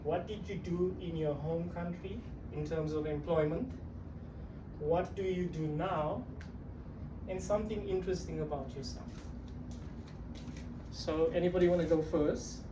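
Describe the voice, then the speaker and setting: A man's voice: fairly high pitch, measured pace, pauses often. A man teaching a class, giving brief encouraging prompts. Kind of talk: leading a class. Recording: echoey room, far from mic, background noise.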